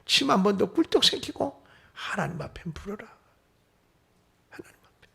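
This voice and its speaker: A man, a senior pastor, preaching a Sunday sermon at a church service. He swings from emphatic raised calls to hushed whispers and puts rhetorical questions to his congregation. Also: high-pitched, sing-song, fairly quick, gravelly, husky.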